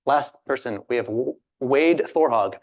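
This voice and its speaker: A man from Alberta moderates a panel in a loose, chatty way, stopping to restart his sentences and joke at his own expense. His voice sits at an ordinary middle pitch. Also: a little slow. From Alberta, Canada. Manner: chatty, self-deprecating, many fillers and restarts.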